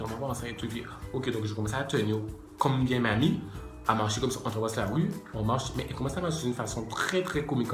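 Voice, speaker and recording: A YouTuber tells his viewers a casual storytime, chatty and slangy, speaking to them directly. His medium-pitched voice is a bit bright, recorded in an echoey room with faint music.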